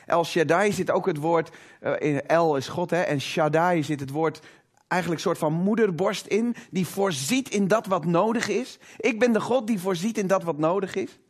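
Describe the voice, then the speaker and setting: A man preaching a sermon to a live congregation. He talks emphatically, slows down to stress key words, and puts rhetorical questions to his listeners. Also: sits high. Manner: engaging, asks the audience rhetorical questions.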